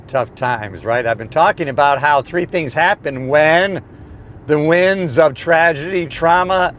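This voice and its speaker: A man giving an upbeat, emphatic motivational chat to his audience while driving. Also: a little high. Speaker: motivational vlogger. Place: inside a moving car. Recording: steady car and road noise. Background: car and road noise.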